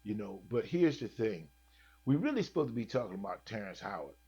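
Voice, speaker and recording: Folksy co-host, man, husky voice, muffled low-fidelity audio. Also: brisk. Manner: folksy, animated, joking. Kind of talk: casual chat. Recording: dull lo-fi sound.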